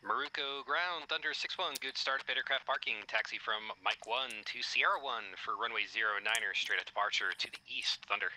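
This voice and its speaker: A man's voice: mid-range voice, a little fast, few pauses. A man making procedural, clipped aviation radio calls as a helicopter pilot in a military simulation game. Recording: clearly noisy vehicle background.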